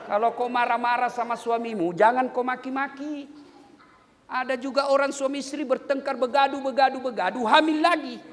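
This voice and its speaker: A man's voice: very high voice, fairly quick. A male preacher giving a humorous sermon, joking, acting out quotes and singing snippets. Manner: jokey, animated, acts out quotes and sings lines. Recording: long hall reverb, faint noise.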